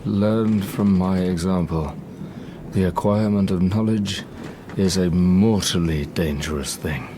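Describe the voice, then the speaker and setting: An actor playing Victor Frankenstein, an obsessed, haunted young scientist, speaking with formal, literary intensity in an audio drama. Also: male voice, low-pitched, measured pace, warm tone, a little hiss or hum. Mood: haunted, bitter. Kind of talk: audio drama acting, first-person narration and dialogue.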